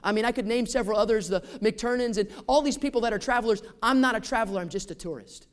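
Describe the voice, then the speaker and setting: A man's voice: sits high, fast. A man preaching a sermon in a conversational way, asking the congregation rhetorical questions. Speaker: pastor.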